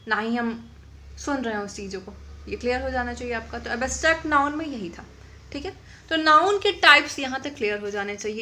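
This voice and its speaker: This woman's voice is somewhat high and sharp, and it echoes noticeably. She teaches English grammar with patient explanations, slowly dictated definitions, and frequent questions to check that students are following along.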